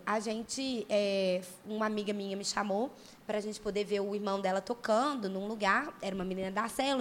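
A woman pastor chatting casually, telling a story in an animated way with many tag questions. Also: mid-range voice.

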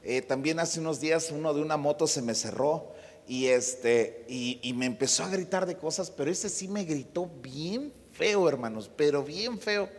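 Husky pastor in a reverberant church. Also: male voice, fairly high pitch, lively intonation, normal speed. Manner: storytelling, humorous asides. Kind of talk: conversational sermon. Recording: long hall reverb.

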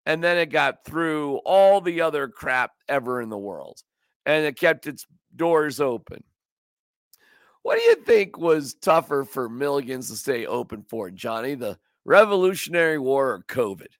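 Gravelly, animated man joking on a podcast. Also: a little high, unhurried, dry recording, studio quality. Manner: joking, rambling, does silly voices. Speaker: sports podcast host. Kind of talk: casual sports chat.

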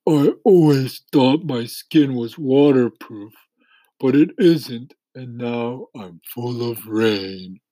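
A man voicing a gloomy, complaining earthworm with a drawn-out delivery in a storybook reading. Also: medium pitch, steady tone, dark tone, no echo, voice pushed up, lightly acted. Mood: miserable. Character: gloomy male earthworm musing on odd schemes.

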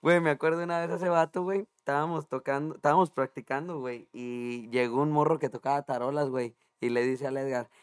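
A man's voice: medium pitch, fairly even intonation, fairly quick, hardly any pauses, clean tone, no room sound, clean studio sound. A Mexican man, a band musician, reminiscing with slang and laughter in casual podcast chat. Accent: Mexican Spanish.

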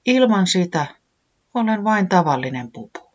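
A storyteller voicing a tearful, excitable young male bunny who wails and weeps easily, in a dull lo-fi recording. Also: mid-range voice, voice pushed up. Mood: despairing. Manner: wailing, easily weeping.

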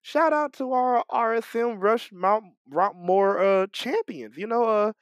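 With a high-sitting voice and a measured pace, this man co-hosts a podcast about wrestling. The recording has no echo, and his casual, animated talk is full of stumbles, restarts and repeated words.

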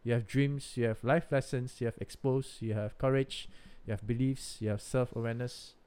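A man's voice: mid-range voice, fairly even intonation, normal speed, a little mellow, clean tone. A man with a Malaysian accent, hosting a casual, chatty interview podcast. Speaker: podcast host.

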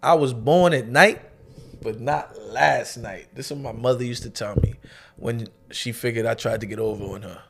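A man's voice: mid-range voice, moderate pace, creaky, a bit bright, breathy edge. A young man co-hosting a podcast, telling a casual, slang-filled story and acting out the voices of people he quotes. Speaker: podcast co-host.

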